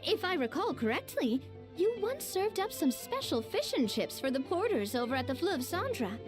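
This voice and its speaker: A woman's voice: very high-pitched, normal speed, over music. A woman voicing a curious young female companion, recounting a story in game dialogue. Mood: amused. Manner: lively storytelling.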